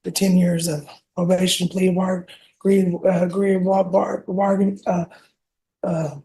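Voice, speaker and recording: A woman with a hoarse, sore throat, answering as a defendant in court, halting and stumbling over her words with many fillers. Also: fairly low pitch, flat delivery, mellow, poor audio. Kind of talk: courtroom testimony.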